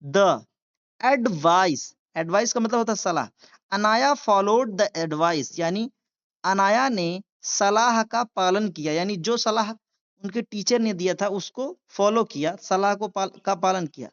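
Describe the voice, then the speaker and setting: Indian woman, reading teacher, very slow word-by-word delivery, spells and repeats each word, muffled lo-fi sound. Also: mid-range voice. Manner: spells words letter by letter, repeats each word, explains in Hindi. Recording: dull lo-fi sound.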